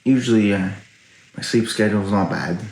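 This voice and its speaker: A man's voice: on the low side, moderate pace, gravelly, darkish tone. A pensive man musing aloud in a casual, reflective late-night monologue to viewers. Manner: casual, frequent swearing. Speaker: online video creator. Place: indoor room at night. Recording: roomy indoor echo.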